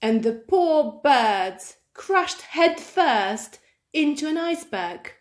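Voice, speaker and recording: Female storybook narrator: higher-pitched, very unhurried, dramatic and expressive for young listeners. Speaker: children's story reader.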